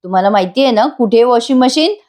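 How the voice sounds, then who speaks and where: A woman's voice: on the high side, animated, quick pace, darkish tone, natural voice. A woman voicing a naive, chatty housemaid who fawns over her employer. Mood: fawning. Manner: naive, fawning. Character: simple chatty female housemaid.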